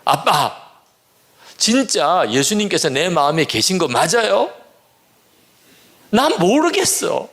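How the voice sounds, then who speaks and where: A gravelly-voiced man voicing a distraught teenage girl who shouts desperate questions through her tears. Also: high-pitched, very animated, slow, long pauses, voice pushed up, full character voice. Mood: anguished.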